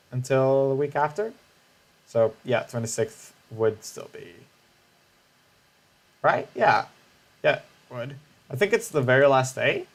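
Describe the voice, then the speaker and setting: A male streamer talks through a video game in a loose, chatty way, answering his chat as he goes. His pitch is ordinary, at a middle level, and he often stops and restarts his sentences.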